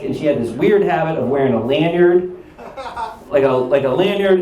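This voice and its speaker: A young man doing stand-up storytelling on stage, animated and acting out other people's lines. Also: fairly high pitch. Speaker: stand-up comedian. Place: comedy stage before a laughing audience. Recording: roomy live club with crowd laughter.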